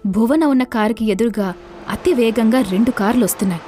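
A woman's voice: fairly high pitch, fairly quick, dark tone, faint music behind. A woman narrating a scripted audio drama, reading every part herself and lightly voicing each character. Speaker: storyteller.

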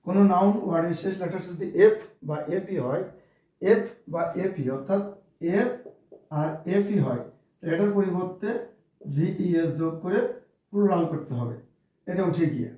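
A man's voice: sits high, normal speed, dark tone. A man with a Bengali accent teaching an English grammar lesson, often calling out "dear viewers" and spelling words letter by letter. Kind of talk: classroom lesson to camera. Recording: very echoey room, voice from far off.

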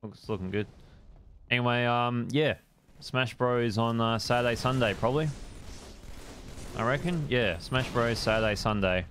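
A man's voice: mid-range voice, normal speed, pauses often, a bit bright, slight background noise. A young adult man, chatting casually on a gaming live stream, rambling laid-back and swearing at the game.

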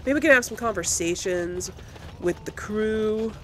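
A woman with a mid-range, slightly bright voice hosts a relaxed playthrough, unhurried as she chats and thinks aloud. Game music plays behind her, with a little background noise.

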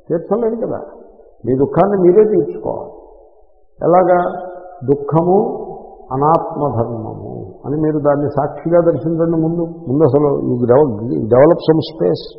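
A man, a swami, giving a scripture discourse. He asks questions and answers them himself, slows down for Sanskrit phrases, and lets his voice fall soft at the ends of phrases. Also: a little high, gravelly. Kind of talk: Vedanta discourse. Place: ashram hall. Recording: echoey hall, tinny lo-fi sound.

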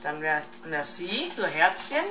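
Woman, middle-aged, casual unscripted vlog talk, halting listing, distant camera mic, clearly noisy background. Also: low voice, very animated, roomy sound. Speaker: vlogger showing a shopping haul. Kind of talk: casual unscripted haul commentary. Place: home kitchen, indoors. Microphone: camera mic at a short distance.

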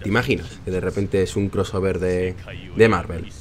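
A man's voice: sits low, steady tone, normal speed. A young man with a Spain Spanish accent, hosting a let's play with joking, sarcastic, swear-filled casual commentary.

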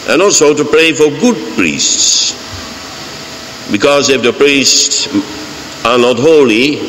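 An older man with a Dutch accent, a priest giving a homily from the pulpit of a large church, slow, deliberate and emphatic. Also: mid-range voice, a bit bright. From Netherlands. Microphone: fixed mic on pulpit. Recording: church reverb, faint hiss.

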